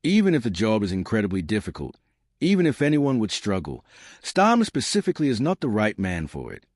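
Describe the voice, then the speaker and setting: Lively low-voiced male commentary narrator. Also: fairly quick, no room sound, studio quality. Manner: emphatic, dramatic, scornful.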